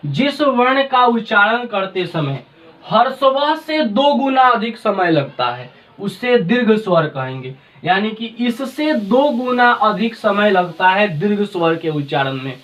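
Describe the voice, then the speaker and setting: A man's voice: sits high, fairly bright tone, poor audio. A man teaching a grammar lesson, patient and repetitive, putting questions to his students. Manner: patient, repeats points, asks the class questions. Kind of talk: classroom lesson.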